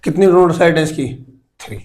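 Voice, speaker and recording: A man teaches chemistry in a fairly high voice. He keeps asking his students questions and counts aloud, step by step, as he draws. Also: fairly quick, a little mellow, low-quality recording. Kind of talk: classroom lecture.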